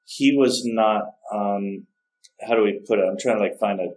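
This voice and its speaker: A man with a fairly low voice talks through a digital coloring session in a loose, casual way. He rambles, backtracks and corrects himself, and sounds unsure of the names he says. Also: moderate pace, a little mellow, a little hiss or hum, low-quality recording. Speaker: art tutorial host. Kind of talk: casual narrated drawing tutorial.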